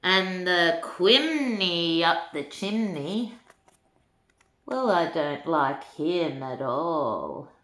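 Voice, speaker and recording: An older woman reads aloud from a rhyming children's book, her fairly low voice animated and fairly bright in tone. This grandmother keeps an unhurried lilt, chatting to the kids in asides, and the room around her is echoey.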